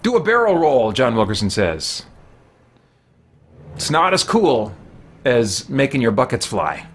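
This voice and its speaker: Very animated yet measured in pace, this man in his forties has a mid-range voice with a breathy edge. He hosts a livestream of his gameplay, chatting playfully with himself, his characters and the audience while game music plays.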